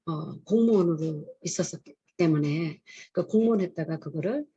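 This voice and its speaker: Middle-aged woman, pastor's wife, earnest testimony sermon; low, mellow, husky voice. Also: normal speed, lo-fi sound. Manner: earnest, confessional storytelling. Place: chapel service.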